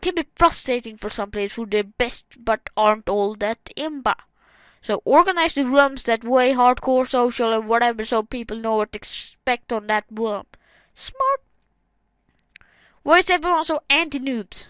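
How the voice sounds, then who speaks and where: A woman with a high, smooth and clear voice reads forum comments aloud as a gaming channel host. She adds casual, wry, sarcastic remarks between them, and her voice sounds close and dry. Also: normal speed, a bit bright, no echo, rough recording.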